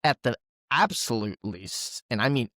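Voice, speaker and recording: A man's voice: medium pitch, animated, measured pace, pushed and bright, dry recording, studio quality. A man co-hosting a movie podcast, talking at length in a casual, rambling way and often correcting himself mid-sentence. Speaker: podcast co-host.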